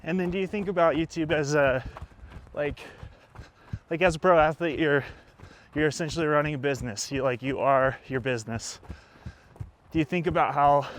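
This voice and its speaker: Higher-pitched man interviewing casually outdoors. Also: normal speed, pauses often. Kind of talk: casual conversational questioning.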